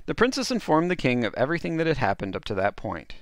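A man's voice: mid-range voice, very animated, fast talker, no room sound, studio quality. A man narrating a dubbed storybook play as host, with playful, chuckling asides.

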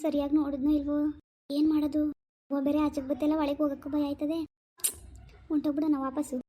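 A woman's voice: sits high, monotone, fast, warm tone, close to an everyday voice. A woman voicing a young married village daughter in a cartoon, nervous and pleading. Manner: nervous, pleading, tearful begging. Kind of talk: cartoon voice acting.

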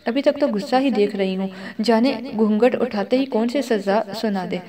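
A woman's voice: fairly high pitch, a crowd in the background, close to an everyday voice. A woman voicing a shy, anxious young bride in an audio novel, speaking nervously. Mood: fretful. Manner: nervous, fretful speech.

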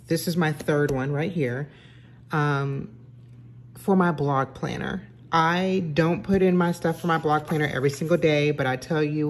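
Middle-aged woman, low-pitched, relaxed home vlogger talking to a table camera. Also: a little hiss or hum. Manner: chatty, self-correcting, many fillers. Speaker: lifestyle vlogger. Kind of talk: casual vlog chat. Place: home dining room, indoors.

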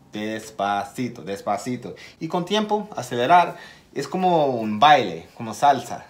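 A man with a medium-pitched voice gives a casual video lesson as an English teacher. He talks slowly and deliberately, repeating key words, and his Spanish has small slips.

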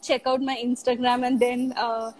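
A woman's voice: a little high, level tone, normal speed, a little mellow, low-quality recording. A woman guest talking casually about travel and her teaching work, with lots of "you know" fillers. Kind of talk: casual live chat interview. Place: live video chat.

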